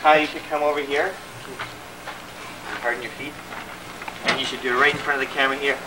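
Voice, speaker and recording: A man's voice: mid-range voice, level tone, fast talker. A man coaching children playfully, like a showy magician at a kids' party, in a casual outdoor home video. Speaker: adult leading children's magic trick game. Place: outdoor driveway. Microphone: camcorder microphone at a distance. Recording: distant, noisy outdoor camcorder audio.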